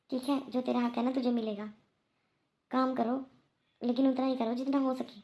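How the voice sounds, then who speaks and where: A kindly middle-aged mother-in-law in a cartoon, played by a woman. She is full of remorse and soothes and reassures, going over the same point again. Her voice is high with a gravelly fry. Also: dull audio. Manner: soothing, reassuring, repeats herself. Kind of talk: Hindi cartoon voice acting.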